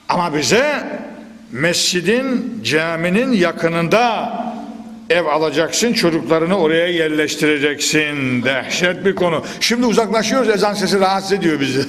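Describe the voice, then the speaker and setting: A high-pitched man speaks into a pulpit microphone, his voice leaping and swooping as he teaches. He keeps throwing sharp emphatic bursts and checks on his listeners. A long hall reverb trails every phrase. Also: lively intonation, moderate pace. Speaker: preacher teaching Quran commentary. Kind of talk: commentary lesson from a pulpit.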